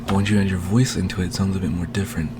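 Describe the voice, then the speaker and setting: A man slowly explaining a speaking technique in a casual home tutorial, recorded on a desk microphone. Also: low-pitched, fairly even intonation, background noise. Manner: slow, unhurried, talking while demonstrating. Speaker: language learning vlogger.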